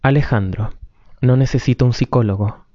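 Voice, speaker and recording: A man's voice: medium pitch, moderate pace, mellow, dry recording, natural voice. A man reading the part of a troubled, withdrawn husband who answers in a hesitant, defensive way. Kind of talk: amateur script reading. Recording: dull lo-fi recording.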